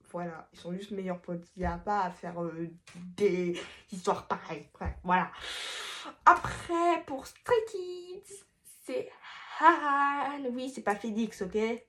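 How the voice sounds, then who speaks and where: Speaking through a face mask, a woman vlogger chats casually in a mid-range, sharp voice, taking her time. Her talk rambles and hesitates, full of fillers and restarts, with playful, self-mocking asides.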